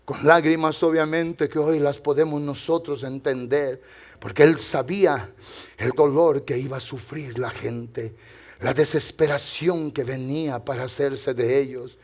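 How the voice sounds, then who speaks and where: A man pastor preaching a sermon, dropping to hushed tones and then rising to loud, exclaiming passages while addressing the congregation directly. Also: mid-range voice, steady tone, unhurried.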